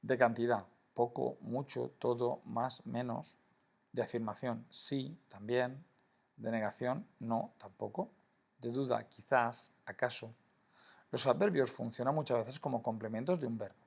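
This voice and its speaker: A man's voice: medium pitch, steady tone, moderate pace, creaky, a little mellow, slightly rough. A man teaching a grammar lesson to schoolchildren, explaining patiently and often checking in with "¿vale?". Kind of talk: recorded classroom grammar lesson.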